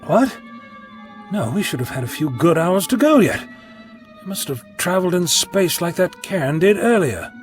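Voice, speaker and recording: A man's voice: high-pitched, very animated, moderate pace, faint music behind. A man playing an eccentric, flippant time-travelling doctor in an audio drama, theatrical and playfully sarcastic. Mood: wry, assured.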